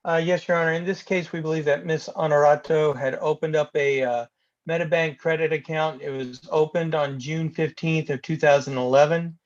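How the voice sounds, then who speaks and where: Attorney, male, flat formal delivery, robotic low-quality call audio, muffled line. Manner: formal, measured, reads case details. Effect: robotic, choppy low-quality call audio. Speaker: plaintiff's attorney. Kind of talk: formal court presentation. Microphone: remote video call.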